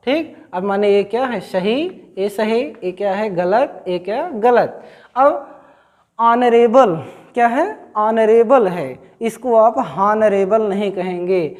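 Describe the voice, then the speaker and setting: A middle-aged woman teaching grammar to schoolchildren. She speaks at an unhurried pace in a mid-range voice. She keeps asking her class questions and answering them herself, repeating each word. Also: mid-range voice, darkish tone.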